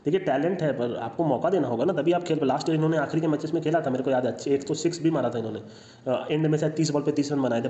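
A man rattles through casual commentary over slides at a quick clip, making confident, opinionated calls and slipping English phrases into his sentences. His voice is dark and mellow, and it sits in a roomy space with a long reverb tail and a dull, lo-fi sound. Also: mid-range voice. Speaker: cricket analyst. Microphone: voice-over, no speaker seen. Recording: echoey, dull lo-fi room sound.

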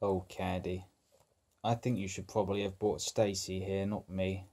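Pompous rich gent doll, voiced by a man: very deep, mellow, snooty toy role-play. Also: level tone, moderate pace. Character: snobbish rich posh young man doll.

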